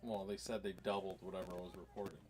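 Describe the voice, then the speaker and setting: A man's voice: low-pitched, flat delivery, fast, a little mellow. A man co-hosting a casual hunting podcast, chiming in with short, dry remarks.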